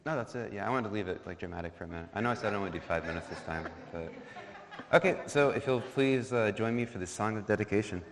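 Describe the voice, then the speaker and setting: A man's voice: fairly low pitch, fast talker. A man telling a folk story to a congregation in a casual, joking way, full of fillers and asides. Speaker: storyteller at a worship service. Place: church sanctuary. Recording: long hall reverb.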